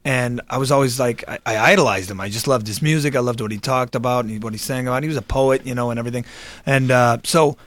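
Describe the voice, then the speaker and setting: A man's voice: medium pitch, fast, fairly bright tone. A man in his thirties, a guest improv comedian chatting casually, rambling with lots of fillers and restarts. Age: 30s. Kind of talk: casual interview chat.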